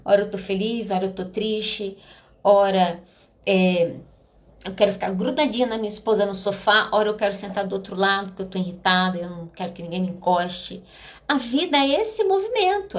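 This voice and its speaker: A Brazilian woman psychologist hosting a podcast, talking casually and expressively, often acting out little dialogues. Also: medium pitch. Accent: Brazilian Portuguese. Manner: expressive, rhetorical, acts out dialogue. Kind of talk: casual talk podcast monologue.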